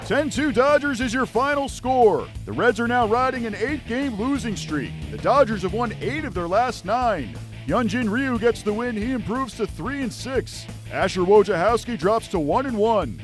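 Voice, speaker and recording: Very high-pitched male sports recap narrator. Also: lively intonation, moderate pace. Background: light music.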